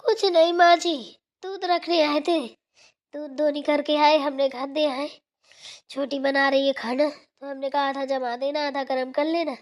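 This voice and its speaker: A dutiful cartoon daughter-in-law, voiced by a woman, earnestly explains her busy day. Her voice is high and bright. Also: level tone, a little slow. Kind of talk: cartoon voice acting.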